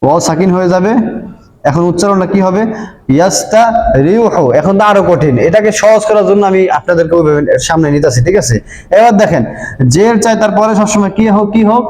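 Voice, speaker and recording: A man with a high voice teaches a grammar lesson, walking through each rule step by step. He often checks whether his listeners follow and stretches example words out slowly. The recording has the roomy sound of an echoey space. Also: a little mellow.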